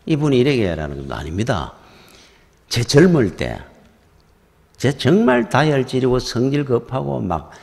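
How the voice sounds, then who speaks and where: Middle-aged gyeongsang pastor preaching, voice swoops up and down a lot, long church hall echo. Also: male voice, mid-range voice, vocal fry. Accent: Gyeongsang Korean. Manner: storytelling, conversational and lively. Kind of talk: sermon. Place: church sanctuary.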